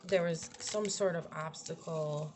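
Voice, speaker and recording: A young woman reads tarot casually to camera, musing aloud through a spread in a slightly raspy, lowish voice at a measured pace. She often trails off and starts again. A steady hiss of background noise runs under her voice.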